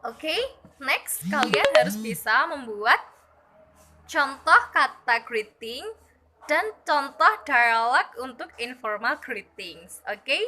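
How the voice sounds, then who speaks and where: A young woman gives a classroom lesson on English greetings, her bright, high voice rising for each English phrase she reads. She speaks, swinging widely in pitch as she explains. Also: expressive, takes it slowly. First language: Indonesian. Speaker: English teacher.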